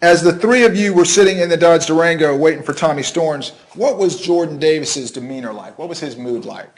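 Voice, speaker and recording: A man's voice: fairly high pitch, brisk. A man questioning a witness as a prosecutor in a formal, methodical way, in a courtroom recording.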